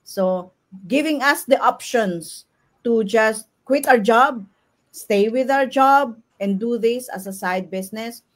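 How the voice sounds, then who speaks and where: A woman hosting a casual live stream from her home, chatting warmly with Filipino fillers. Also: a little high, takes it slowly. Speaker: host. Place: home in New Zealand.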